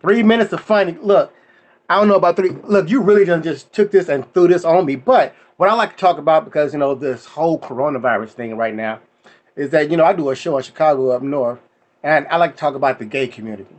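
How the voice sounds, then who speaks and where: A young adult man performing a stand-up set, telling loose conversational stories and doing quick voices for the people in them. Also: fairly high pitch, highs cut off. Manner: storytelling with voices for friends and family, loose and conversational. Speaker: stand-up comedian.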